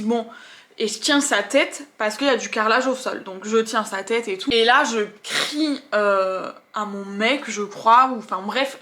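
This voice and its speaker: A woman tattoo artist recounts stories from her work to camera. Her voice sits a little high and has a bright edge. She tells it in an animated way, acting out the scenes as she goes. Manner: animated, acts out scenes and quotes. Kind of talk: storytelling vlog.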